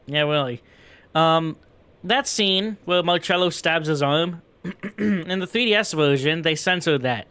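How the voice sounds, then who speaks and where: A man's voice: a little high, measured pace, sharp tone, clear, resonant tone, no room sound. A man giving casual, rambling commentary while playing a role-playing video game, often correcting himself as he talks. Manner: rambling, self-correcting, thinks aloud. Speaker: let's play host.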